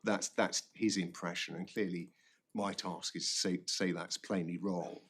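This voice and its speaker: Male advocate, low gravelly-edged voice, formal courtroom argument delivered haltingly with repeated phrases. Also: fairly even intonation, a bit bright. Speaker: barrister arguing an appeal.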